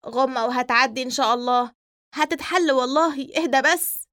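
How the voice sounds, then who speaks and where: A woman reads a young Egyptian man shaken by a recurring nightmare. He cries and pleads in a high, strained voice. The recording is dry and close. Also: brisk, fairly bright tone, clean tone, no room sound. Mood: sobbing panic. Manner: panicked screaming and sobbing after waking. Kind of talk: audiobook dialogue reading.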